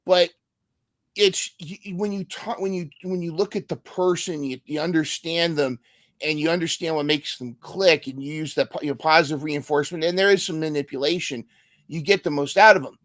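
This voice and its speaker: A man hosts a casual conversational interview in a somewhat high voice, with a dry, close sound. He thinks out loud, doubling back on words and restarting phrases before landing a point. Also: a little fast, no room sound. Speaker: podcast host.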